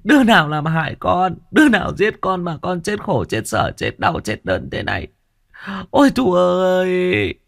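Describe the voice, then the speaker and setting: A man putting on a shrill wailing village matriarch. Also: normal speed, few pauses, a bit bright, smooth, lightly acted. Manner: screeching, wailing, scolding. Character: shrill grieving middle-aged village matriarch.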